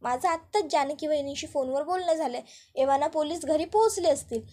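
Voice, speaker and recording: A woman voicing a clever young sister-in-law who lays out a plan briskly. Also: high voice, warm tone, close to an everyday voice. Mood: plotting.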